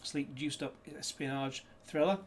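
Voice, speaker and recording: Filmed on a desk camera indoors, a man reviewing discs chats his way through an unboxing with rambling, jokey asides. He speaks at a measured pace in a mid-range voice, over slight background noise.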